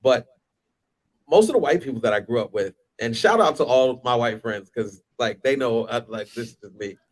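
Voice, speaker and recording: A man co-hosting a casual panel talk, animated and rambling, with lots of restarts. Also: mid-range voice, moderate pace, rough recording. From United States. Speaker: podcast co-host.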